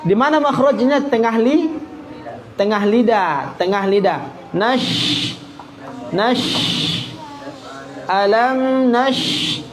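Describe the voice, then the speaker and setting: High-pitched guy teaching quran recitation real slow, class chatter all around. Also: animated, rough recording. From Indonesia. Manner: drills pronunciation, repeats syllables, chants verses slowly. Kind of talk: tajwid lesson with students repeating. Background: group of students in the room.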